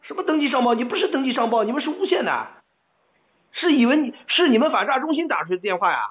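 A very high-pitched man with big pitch swings and a breathy edge speaks quickly on a tinny phone line. He's a caller in a heated argument, angry, stammering, and repeating his points insistently.

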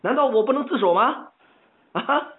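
Heated and insistent, this man stammers through a phone complaint, repeating himself over and over. His voice is extremely high with a breathy edge, expressive at a moderate pace, coming through a tinny phone line.

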